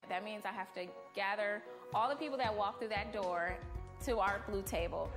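A woman's voice: medium pitch, normal speed, over music. A woman on a reality dating show who speaks in a scheming, self-assured way during a confessional. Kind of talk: confessional interview.

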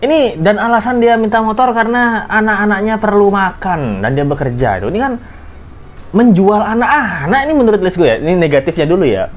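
Man, reaction commentary, lively animated pitch, laughs a lot. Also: fairly quick, faint music behind. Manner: joking, laughs often, mocking asides. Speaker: commentary vlogger.

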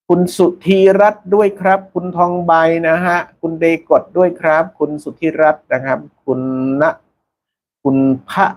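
A man hosting a casual live stream, chatting with viewers and reading out their names, peppering his talk with polite particles. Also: a little high.

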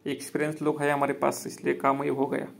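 Fast and completely flat, this mid-range male voice carries some vocal fry. The speaker, a solar installer and business owner from Maharashtra, India, narrates a rooftop job outdoors via handheld phone. He keeps it plain and repetitive, speaking to viewers as friends.

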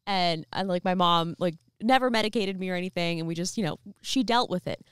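A young woman co-hosts a podcast outside by a fire pit, talking casually into a handheld mic and rambling through a story packed with fillers. Her voice is lowish, fairly quick, and clean, captured dry with studio quality.

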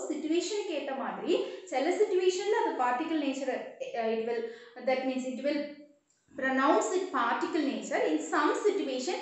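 Young woman, South Indian Tamil accent, high voice, classroom explainer who repeats and quizzes, strongly reverberant room. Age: young adult. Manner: repeats phrases and asks checking questions. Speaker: physics teacher. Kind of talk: classroom lesson with simple explanations. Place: small indoor room with whiteboard. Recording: very echoey bare room.

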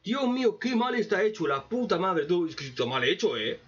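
A man giving a sarcastic, profane anime commentary rant, with mocking asides and sudden loud outbursts. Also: high-pitched, big pitch swings, brisk, slightly rough. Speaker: anime reaction youtuber. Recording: dull lo-fi mic.

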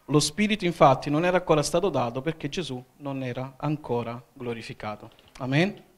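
A man's voice: mid-range voice, a little fast. A man from Italy preaching a sermon as an evangelist in a church, often calling "Amen?" to the congregation. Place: church hall.

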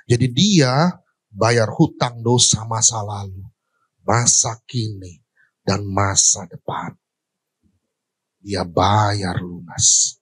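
On a church stage, a husky-voiced, middle-aged pastor delivers a sermon through a handheld mic, questioning his congregation as he shifts between forceful high phrases and slow, low passages. The recording quality is rough.

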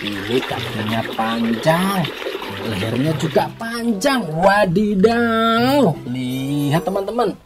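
Animated, playful woman hosting for kids. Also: sits low, unhurried, music in the background. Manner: exclamatory, playful, like a kids' party magician presenting surprises. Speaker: children's toy video host. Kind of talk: scripted-sounding kids' toy reveal narration with magic-word exclamations.

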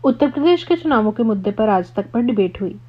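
A woman narrates a news compilation in a scripted, formal voice-over. Her voice is slightly breathy. The recording is muffled and lacks top end. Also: on the high side, a little fast. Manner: even, formal read-out delivery.

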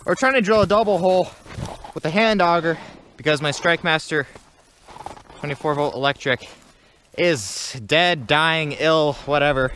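This young adult vlogger's voice sits a little high and fairly bright, moving at a moderate pace broken by long pauses. Playful and joking, he chats casually while ice fishing, first out on the open frozen lake and later in his tent. An action camera at arm's length or set close by picks him up with slight background noise.

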